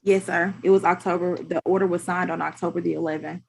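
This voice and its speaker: A woman speaking as a state's attorney in a formal, halting, procedural way on a video call. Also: lowish voice, fairly even intonation, vocal fry, slight background noise, poor audio. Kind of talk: formal courtroom questioning.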